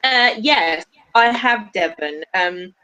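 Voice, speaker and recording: Casually rambling as a livestream co-host, the YouTube anime reviewer restarts frequently, her accent part British, part Australian. She speaks slowly with lively intonation in a bright, forceful mid-range voice, and the recording is rough.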